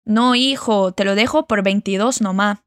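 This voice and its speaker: A woman teaching a lesson, modeling phrases slowly and carefully for learners to repeat. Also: medium pitch, clean tone, no echo, clean studio sound. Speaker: Spanish teacher. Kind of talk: language lesson narration.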